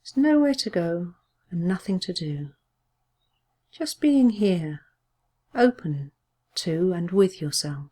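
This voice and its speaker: With a lowish, expressive voice, a female mindfulness teacher guides a body scan meditation. She speaks in a gentle, measured, soothing manner and pauses often.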